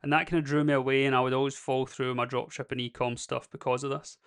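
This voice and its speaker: A man's voice: medium pitch, flat delivery, quick pace, smooth. A young man talking casually to camera, rambling with lots of "basically" and "like" fillers. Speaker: creator vlogging. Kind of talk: casual reflective monologue.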